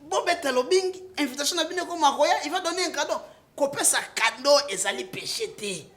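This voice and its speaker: A man's voice: extremely high pitch, animated, brisk. A man with a Congolese French accent, a political guest speaking passionately and switching between French and Lingala. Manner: emphatic, rising to loud outbursts, with restarts. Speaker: political guest, party supporter. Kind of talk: impassioned political talk, mixing French and Lingala.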